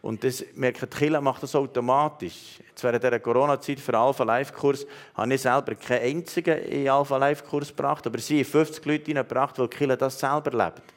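Swiss German male pastor, earnest, personal prophetic sermon delivery with halting pauses. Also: mid-range voice, fairly even intonation. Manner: earnest, addresses listeners directly, many hesitations.

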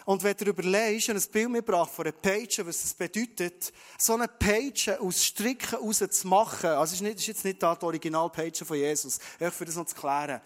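A man preaching a sermon, emphatic and shifting between loud and hushed delivery. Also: high voice, brisk, hardly any pauses. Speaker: pastor.

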